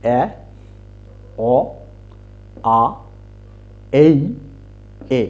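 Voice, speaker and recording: A man teaching English letter sounds, spelling words out and repeating the sounds slowly. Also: darkish tone. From India. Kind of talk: slow explanatory lesson. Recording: dull lo-fi home recording.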